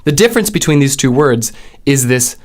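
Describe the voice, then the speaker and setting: Male lesson host, mid-pitched, patient delivery that stretches out the example vowels. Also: very animated, a little mellow. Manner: deliberate, drawing out example words and vowel sounds. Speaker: linguistics video host. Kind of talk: explanatory lesson.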